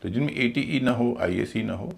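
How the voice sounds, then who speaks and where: A man's voice: mid-range voice, normal speed, vocal fry. A man teaching English pronunciation, patiently explaining step by step, spelling words out letter by letter and repeating key words. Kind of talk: explanatory video lesson.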